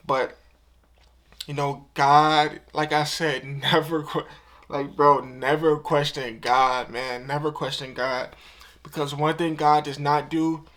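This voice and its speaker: A man's voice: fairly high pitch, fairly bright tone. A young man of twenty talking to camera in a heartfelt, emotional vlog, earnest and casual, often repeating himself. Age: 20s. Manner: casual slang-filled talk. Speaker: YouTuber.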